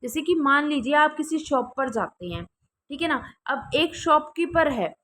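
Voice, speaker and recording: A woman with an Indian accent teaching accounting, explaining in Hindi and reading English definitions slowly. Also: sits high, animated, fairly bright tone, slight background noise. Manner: explains in Hindi, reads English definitions slowly, asks and answers her own questions. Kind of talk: classroom explanation over slides.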